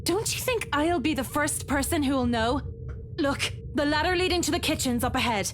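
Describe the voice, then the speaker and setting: A woman streamer reads the lines of an impatient young woman, curt and hurried in a high voice. Faint noise sits behind her. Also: animated.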